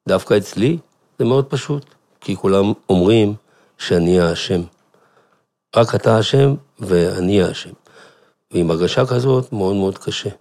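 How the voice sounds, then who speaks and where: A rabbi telling a family story to listeners, with an animated manner and questions put to the audience. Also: male voice, on the low side. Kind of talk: storytelling talk.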